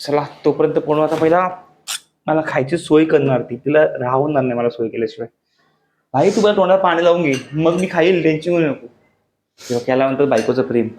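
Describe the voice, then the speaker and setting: A man's voice: fairly high pitch, brisk, darkish tone, slight background noise. A young man vlogging a casual family chat with his wife, chatty and teasing, often repeating his words. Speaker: vlogger husband.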